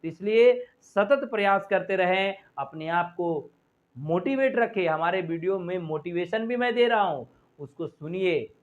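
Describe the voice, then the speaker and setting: A man teaching English grammar, repeating words and sounds slowly to drill pronunciation. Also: high voice, animated. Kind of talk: classroom-style grammar lesson. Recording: tinny phone-like audio.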